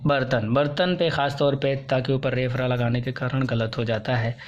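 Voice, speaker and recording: With a steady, medium-pitched voice, an Indian male teacher contrasts right and wrong Hindi spellings for students preparing for exams, slowing to stress every correct version. The audio is dull, with slight background noise.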